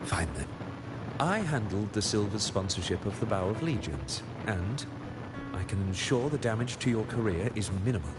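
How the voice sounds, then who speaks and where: A man's voice: fairly low pitch, animated, normal speed, close to an everyday voice. An actor playing a shrewd male manager making a deal, blunt and businesslike. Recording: game audio with music behind.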